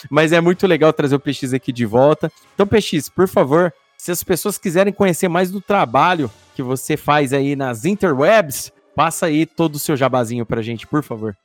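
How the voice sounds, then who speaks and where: A man's voice: fairly high pitch, expressive, moderate pace, few pauses, no echo, soft background music. A man with a Brazilian accent hosting a podcast, chatting in an informal, chummy way. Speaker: podcast host. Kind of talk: casual podcast chat.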